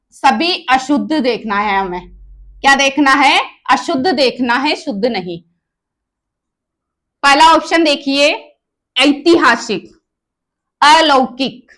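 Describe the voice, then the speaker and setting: A woman with a Rajasthani Hindi accent teaches an exam-prep Hindi grammar lesson, posing questions to the class and answering them herself. She spells out words slowly, working through each option in turn. Her voice is high-pitched, expressive and sharp.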